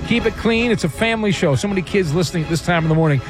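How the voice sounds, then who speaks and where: Smooth-talking, high-voiced radio host man. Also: expressive, rapid-fire, faint music behind. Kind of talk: live overnight sports talk radio. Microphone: studio broadcast mic.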